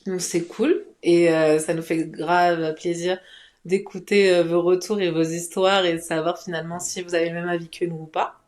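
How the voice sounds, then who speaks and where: A woman's voice: lowish voice, level tone, normal speed, a little mellow. A woman co-hosting a podcast in casual chat. She is playful and laughs often. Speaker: podcast co-host.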